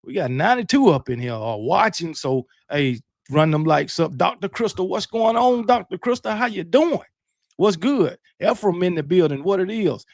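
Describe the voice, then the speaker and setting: Middle-aged man, gravelly voice a touch high, laid-back slangy stream host, dry close mic. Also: normal speed, no room sound. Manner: relaxed, shout-outs, slangy banter. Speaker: livestream host. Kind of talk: casual late-night chat, reading viewer comments.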